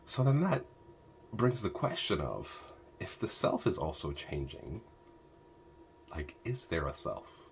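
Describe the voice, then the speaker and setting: A man's voice: low-pitched, very animated, takes it slowly, gravelly, slight background noise. A man from Ethiopia giving a reflective meditation talk, thoughtful and hesitant, with many fillers and restarts. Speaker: meditation teacher.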